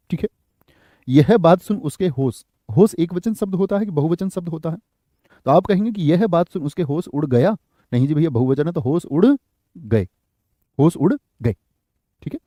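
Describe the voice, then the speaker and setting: Teacher, dry close mic. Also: male voice, fairly high pitch, dark tone, no room sound. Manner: keeps asking the class questions and checking with "theek hai"; repeats the corrected sentence slowly for emphasis. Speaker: Hindi grammar teacher. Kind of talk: live online class, answering chat.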